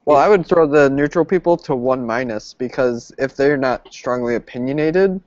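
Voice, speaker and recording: A man's voice: mid-range voice, normal speed, darkish tone. A man giving his opinion in an online team meeting, in a hedging, casual way that corrects itself. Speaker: team member. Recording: muffled call audio.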